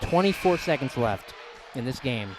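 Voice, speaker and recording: A young man calling a high school basketball playoff game play by play, getting loud at the big plays. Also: animated, normal speed, over music. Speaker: play-by-play announcer. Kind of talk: live basketball commentary.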